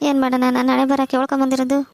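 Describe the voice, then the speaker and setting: A woman's voice: high-pitched, completely flat delivery, racing, creaky, darkish tone, dry recording. A woman voicing a bitter, complaining old village widow with a rural Karnataka Kannada accent, full of sayings. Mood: lamenting.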